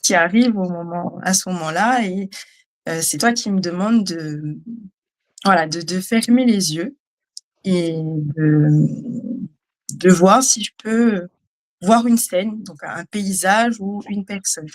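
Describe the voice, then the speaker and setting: A woman giving a personal testimony, speaking in a hesitant, halting way with many fillers. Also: fairly low pitch. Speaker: guest, trainee.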